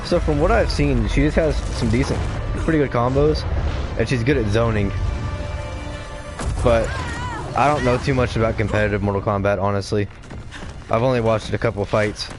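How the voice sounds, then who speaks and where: A man's voice: medium pitch, moderate pace, long pauses. A man giving casual, offhand commentary as he plays a fighting game. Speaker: gamer playing through a fighting game. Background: faint game music.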